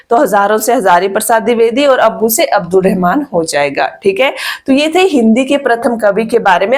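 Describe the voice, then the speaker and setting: A woman teacher giving an exam-prep lesson, repeating questions to her students and checking in with "okay" after each point. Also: on the high side. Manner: repetitive teacherly questioning, frequent "ठीक है" and "okay".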